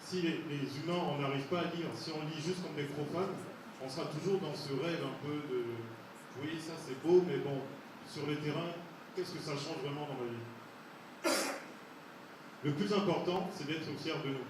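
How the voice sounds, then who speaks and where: A man from Africa giving reflective, measured remarks in a public debate, in short, even phrases. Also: a little high. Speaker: debate participant. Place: conference hall. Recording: echoey hall, distant mic, noisy.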